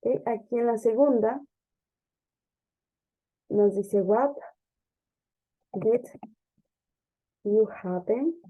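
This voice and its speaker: A woman teacher explaining English grammar step by step, often checking understanding with a quick "ok?" or "¿sí?". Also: on the high side. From Ecuador. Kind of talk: classroom grammar lesson. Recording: dull lo-fi lesson recording.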